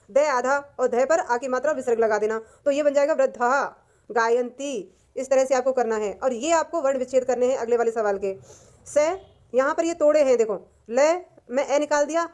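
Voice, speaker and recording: A woman teacher explaining a textbook lesson patiently, repeating and translating each word, clearing her throat now and then. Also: sits high, darkish tone.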